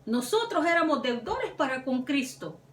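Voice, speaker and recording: A woman's voice: high-pitched, sing-song, moderate pace, a little hiss or hum. A woman preaching a sermon with fervor, her voice climbing on the words she stresses. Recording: echoey room, mic at a distance.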